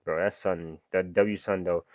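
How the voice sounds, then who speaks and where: A man's voice: low-pitched, fairly even intonation, measured pace, a little mellow, dry recording. A young man, reading true-crime text aloud and breaking off into casual slangy reactions. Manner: reads story aloud, then breaks off into slangy asides. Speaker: reaction video host.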